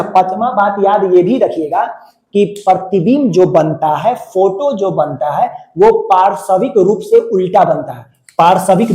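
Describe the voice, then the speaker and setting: A man's voice: high-pitched, warm tone. A man with a Bihari accent teaching a physics lesson at the board, repeating phrases and asking questions that he then answers himself. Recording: echoey room.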